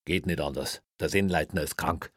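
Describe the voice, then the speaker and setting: A man's voice: very deep voice, moderate pace, fairly bright tone, breathy edge, no room sound, clean studio sound, exaggerated voice. A man voicing a blunt, fatherly police station chief. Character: gruff middle-aged male police chief.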